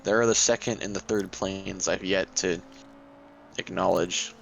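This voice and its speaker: Low gravelly young man rambling. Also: steady tone, fairly bright tone, a little hiss or hum, rough recording. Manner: rambling, halting, many fillers and restarts. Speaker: podcast co-host. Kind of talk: casual chat.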